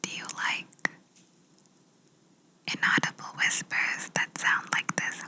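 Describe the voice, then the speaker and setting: A woman whispering slowly in an ASMR video, guiding the listener through gentle imagination questions. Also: rough recording. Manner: slow soft whisper, asking gentle questions. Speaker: ASMR creator.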